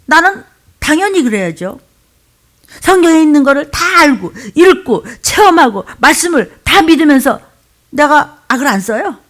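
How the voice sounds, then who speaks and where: A woman pastor preaching an impassioned sermon in a church, swinging between loud cries and hushed asides. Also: high voice, sing-song, moderate pace. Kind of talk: impassioned Friday night sermon.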